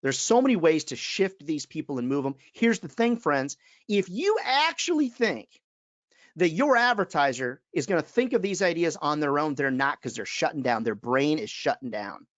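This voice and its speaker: A man's voice: fairly high pitch, very animated, normal speed, dry recording, dull audio. A man, giving an emphatic webinar talk as a sales trainer and calling his listeners friends. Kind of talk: webinar presentation.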